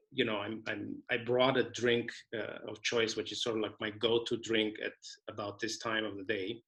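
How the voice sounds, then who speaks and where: A man's voice: fairly low pitch, gravelly, a bit bright, low-quality recording. A man in his forties from Romania, with Romanian as his first language, talking in a thoughtful, hesitant way as a guest in an interview. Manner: thoughtful, hesitant with many fillers. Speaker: guest conductor. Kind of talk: casual interview conversation.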